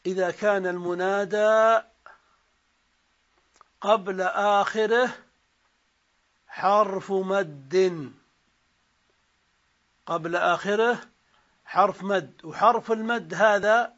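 A man giving a classical Arabic grammar lecture, slowly spelling out examples and reciting verses. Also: high voice, fairly bright tone. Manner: slow, deliberate dictation of examples and verses. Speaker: grammar teacher. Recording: dull lo-fi lecture recording.

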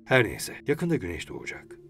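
A man playing a calm, dry-humored husband whose cheerful lines rise and fall freely. Music plays behind him. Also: lowish voice, a little fast, gravelly, full character voice. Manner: light and cheerful.

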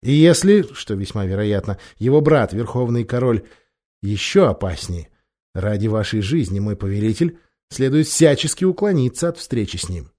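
A man voicing a cautious nobleman who speaks in a measured, deferential way in a storybook reading. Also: lowish voice, very animated, darkish tone. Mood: wary.

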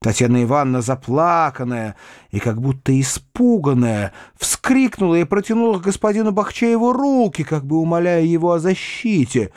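A man narrating classic fiction as an audiobook, reading expressively. His pitch sits slightly high and moves in lively swings. The recording is close and dry. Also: moderate pace, no room sound. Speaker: audiobook reader.

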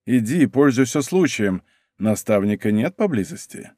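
A man's voice: mid-range voice, animated, moderate pace, mellow, no echo, lightly acted. A man voicing a hot-tempered, sneering young nobleman. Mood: sly. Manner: raised, heated, taunting delivery. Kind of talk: audiobook character voice.

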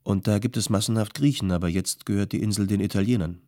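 A male audiobook reader voicing a settled young potter who calmly gives practical advice. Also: lowish voice, quick pace, dry recording, studio quality, lightly acted. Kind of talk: audiobook character voice.

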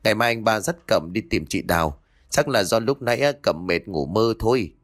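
A man voicing a caring young master of the house who hurries to calm a frightened girl. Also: lowish voice, fairly quick, dry recording, studio quality. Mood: soothing. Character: caring young master, elder brother type.

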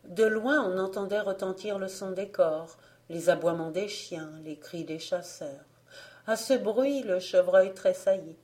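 A woman reading a fairy tale aloud as an audiobook, narrating in a calm, even way. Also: medium pitch, a little slow. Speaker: audiobook reader. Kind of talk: scripted narration.

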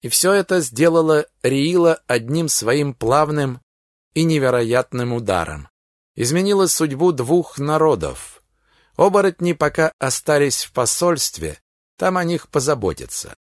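A man narrating a science-fiction audiobook in steady first-person storytelling, recorded close on a studio mic. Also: on the high side, a little slow, no echo.

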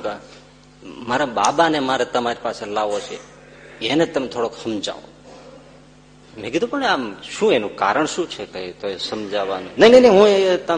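A monk tells a humorous story in a sermon and plays the people in it. His voice rings with a long echo through a large hall, with a faint hum under it. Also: a little high. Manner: humorous, acts out voices in anecdotes. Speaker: monk giving a discourse.

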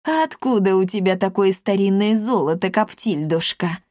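A woman voicing a calm, sly male gendarme who speaks softly and coaxingly. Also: on the low side, no room sound, clean studio sound, close to an everyday voice. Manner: slow, soft and coaxing.

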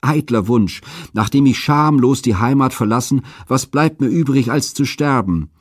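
Guy doing a frantic abandoned princess, high strained wailing, dramatic storybook voice. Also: moderate pace, dry recording, clean studio sound, natural voice. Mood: desperate. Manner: impassioned, declamatory. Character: despairing young princess, abducted and forlorn.

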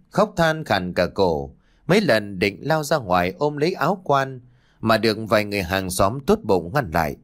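Somber male storyteller with lively pitch. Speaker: audiobook narrator. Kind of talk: scripted storytelling narration.

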